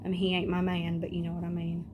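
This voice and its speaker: This beauty vlogger speaks in a fairly low, scratchy voice with a completely flat delivery and a quick pace. The young woman chats casually at home, wandering off on tangents as she displays her makeup.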